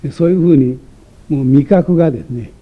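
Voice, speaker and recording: A man's voice: on the high side, fast talker, phone-quality sound. A man giving a lecture, reading passages from a text aloud and explaining them, with many hesitations, self-corrections and side remarks.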